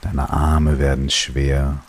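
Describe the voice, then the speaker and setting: A man narrating a guided relaxation sleep story in a calm, soothing way, with long pauses between short phrases. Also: rumbling low. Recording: steady rain noise behind the voice. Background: rain.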